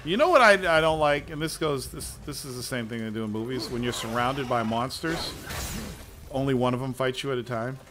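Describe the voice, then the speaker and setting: A podcast host chats casually about a game while it plays, swearing and laughing often. His medium-pitched voice has lively intonation and moves a little fast, with noise in the background.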